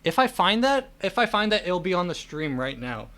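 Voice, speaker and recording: A man's voice: sits high, sing-song, moderate pace, pushed and bright. A young man hosting a podcast, chatting casually and telling stories in a joking, teasing manner. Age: young adult. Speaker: podcast host. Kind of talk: casual chat.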